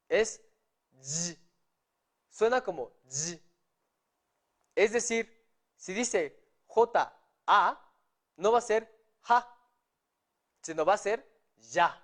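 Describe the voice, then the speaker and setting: A man teaching a lesson, patiently spelling out syllables one at a time. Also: sits high. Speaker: Japanese teacher. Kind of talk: online language lesson.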